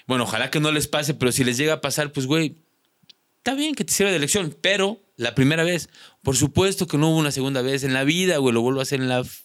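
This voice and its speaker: A man's voice: a little high, fast, a bit bright, no echo, clean studio sound. A young man with a Mexican Spanish accent tells a story to a podcast host in a casual, slangy way and acts out the voices of the people in it. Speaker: podcast guest.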